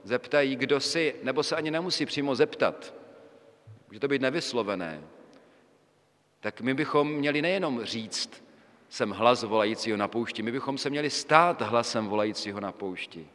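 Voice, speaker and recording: A man preaches a sermon at a mid pitch, talking in a loose, conversational way with many fillers and little tag questions. His voice hangs in the long reverb of a church. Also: a bit bright. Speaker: priest.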